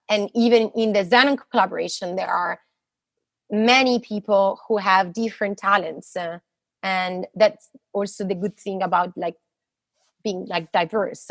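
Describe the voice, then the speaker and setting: This Italian postdoctoral physicist, a woman in her thirties, has a gravelly mid-range voice and an Italian accent, with no echo in the recording. Her guest interview answers are casual and halting, full of fillers and false starts.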